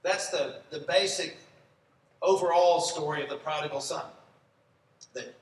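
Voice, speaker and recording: A man's voice: a little high, a little slow. A man preaching a sermon in a church, speaking conversationally and asking the congregation questions. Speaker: pastor. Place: church sanctuary. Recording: echoey church room, from a distance.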